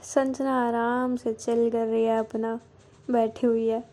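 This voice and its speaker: A woman's voice: fairly high pitch, little pitch movement, takes it slowly, dark tone. A woman narrating a romance story in a casual, chatty way, explaining scenes as she goes.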